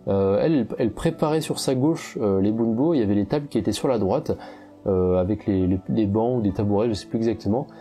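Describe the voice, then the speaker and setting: A man's voice: lowish voice, fairly quick, mellow. A young French man with a French accent, casually telling travel stories with lots of fillers and restarts. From France. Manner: chatty, many fillers and restarts. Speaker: travel photographer vlogger.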